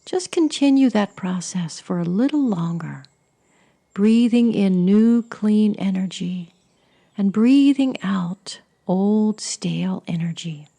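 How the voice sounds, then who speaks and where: A woman guides a meditation at a very unhurried pace. Her voice is soft and mellow, with a husky breathiness that often drifts toward a whisper. The delivery is soothing throughout. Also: medium pitch, animated.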